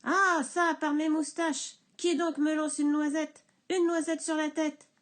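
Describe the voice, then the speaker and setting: A woman voicing a big blustering male woodcutter in a storybook reading, shouting in indignant outbursts. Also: sits high, normal speed, lightly acted. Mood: outraged.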